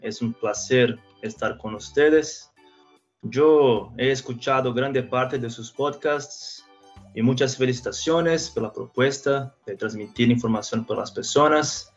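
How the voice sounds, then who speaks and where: With the highs cut off and soft music playing underneath, this medium-pitched man speaks Spanish in a Brazilian Portuguese accent. The thirtysomething native Portuguese speaker from Brazil is a podcast guest in a casual interview, frequently stopping and restarting what he says.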